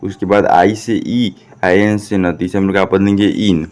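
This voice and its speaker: Deep-voiced male teacher. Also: steady tone, moderate pace, a little mellow. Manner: repeats "ठीक?" often, asks and answers his own questions. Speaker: English teacher. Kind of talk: classroom lesson, spelling out words.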